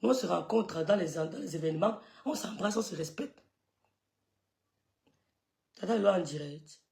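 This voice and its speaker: Scornful woman with a gravelly voice. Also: lowish voice, moderate pace, a little mellow. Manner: scolding, scornful, repeats dismissive sucks of the teeth. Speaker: social media gossip streamer. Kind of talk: heated live-stream rant.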